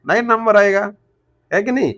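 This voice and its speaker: A man teaching math, going step by step, slow and repetitive, always asking the class rhetorical questions. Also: high voice, a bit bright. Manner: switches between Hindi and English terms. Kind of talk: explaining math problems step by step.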